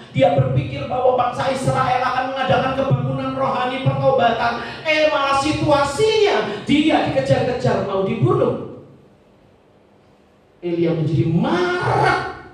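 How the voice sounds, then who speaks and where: Man, pastor, sermon, very high voice, dramatic shouts and hushed asides, echoey church, distant mic. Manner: dramatic storytelling, sudden shouts and whispers.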